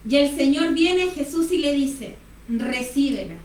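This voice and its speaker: A woman's voice: high-pitched, steady tone, measured pace, a little mellow, recorded from a distance, slight background noise. Fervent woman preaching in an echoey room. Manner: fervent, dramatizes Bible scenes. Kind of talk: preaching on a radio-style program.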